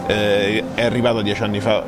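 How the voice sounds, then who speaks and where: Fiftyish male interviewer, lowish voice, halting questions, noisy hall. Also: level tone. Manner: hesitant, many fillers. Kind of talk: business interview. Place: event hall in front of a sponsor backdrop.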